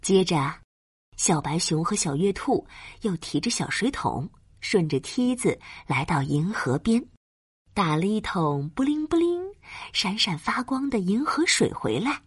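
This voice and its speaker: A woman tells a bedtime story to small children in a gentle, breathy voice. Her pace is slow and her intonation swoops expressively, recorded close and dry. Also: mid-range voice, big pitch swings, no room sound. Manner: gentle, dramatized, drawn-out phrasing. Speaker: storyteller, narrator.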